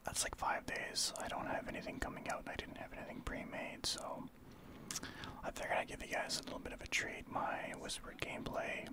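A man from Saskatchewan, Canada, speaking in a soft breathy whisper as an ASMR streamer, explaining his gameplay in informal gamer talk. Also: fairly quick. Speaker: streamer, ASMR channel host.

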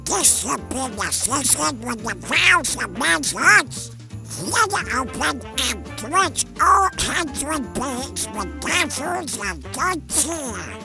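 Casting: very high, squawky male cartoon duck, pompous and stubborn, drawn-out garbled delivery. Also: big pitch swings, vocal fry, full character voice. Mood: grandiose, gushing. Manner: grandiose, bossy speechifying. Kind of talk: comic dub cartoon acting. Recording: music behind the voice.

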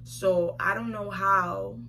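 Seated facing the camera in a small room, a young vlogger narrates a story casually, leaning on emphasis, slang, and repeated phrases. Her medium-pitched voice is steady and sharp-toned, with a slow pace. The audio is a clearly noisy home recording.

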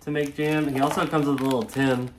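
A woman's voice: low voice, level tone, brisk, a little hiss or hum. A young woman chatting casually as a travel vlogger, easygoing and matter-of-fact while opening toys in a hotel room. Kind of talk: casual chat.

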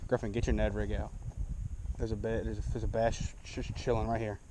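A young man talks a little fast in a lowish, level voice while fishing from a small lake boat, with background noise on the action camera mic. His outdoor narration is casual, relaxed and self-mocking.

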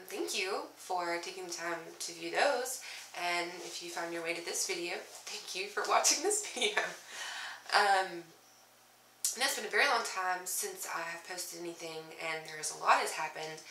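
A young craft vlogger chats casually to camera from a small room at home, sounding nasal from a cold, apologetic and talkative, with lots of "um"s and little laughs. Her voice is lowish, measured, pushed and bright. The camera audio is roomy and slightly distant, with a bit of hiss or hum.

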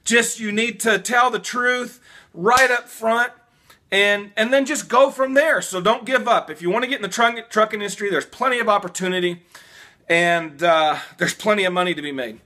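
Fired up guy in his 50s vlogging trucking tips, high bright voice, lots of restarts. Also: moderate pace. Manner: animated, gestures a lot, repeats and restarts. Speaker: vlogger, new truck driver. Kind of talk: casual to-camera vlog advice. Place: small home room by a whiteboard.

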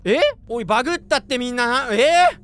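A man doing chatty, excitable commentary while playing a horror game, reacting aloud with jumpy exclamations. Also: extremely high pitch, moderate pace, clean tone. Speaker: gamer. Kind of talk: let's play commentary.

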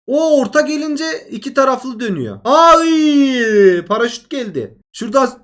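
Guy streaming a phone game, high voice, gets worked up and swears a lot, keeps talking to the viewers. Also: unhurried. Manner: excitable, curses freely at bad luck; talks straight to viewers. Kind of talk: casual gameplay commentary.

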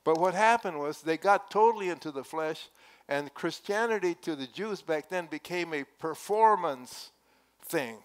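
With lively intonation and a slightly high voice, an older pastor preaches at a moderate pace from a wooden pulpit in the church sanctuary. He is earnest and conversational, using emphatic rises. He speaks through a headset microphone.

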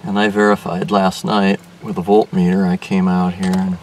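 This older man, a car restoration vlogger, speaks in a low-pitched, level tone at a moderate pace while installing a car radio. His hands-on explanation is casual, full of fillers and restarts as he thinks aloud. A distant mic captures him in a car in daylight, with faint background noise.

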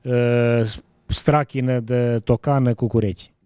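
Warm-voiced man giving a carol greeting. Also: medium pitch, fairly even intonation, clean tone, no room sound. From western Romania. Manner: ceremonial, wishing the host well. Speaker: caroler leader.

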